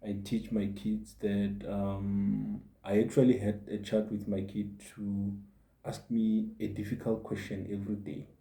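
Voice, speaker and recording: A man's voice: fairly low pitch, completely flat delivery, unhurried, vocal fry, mellow. A man in his forties gives a motivational monologue as a podcast host, earnest and repeating his points for emphasis. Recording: roomy echo.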